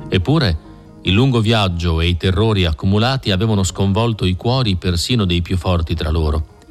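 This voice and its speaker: A man narrating a classic novel in a measured, steady storytelling manner. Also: deep voice. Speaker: audiobook narrator. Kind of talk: scripted literary narration.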